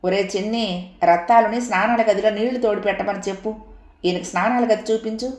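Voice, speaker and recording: A woman's voice: mid-range voice, steady tone, a little fast, a little mellow, voice pushed up, lightly acted. A woman voicing a teasing, chatty young man, a friend in a spoken story, recorded in an echoey room.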